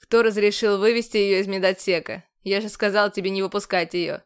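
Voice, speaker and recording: A woman's voice: mid-range voice, little pitch movement, normal speed, clear, resonant tone, natural voice. A woman voicing a stern male alien commander who speaks harshly and curtly. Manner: harsh, clipped, raised voice.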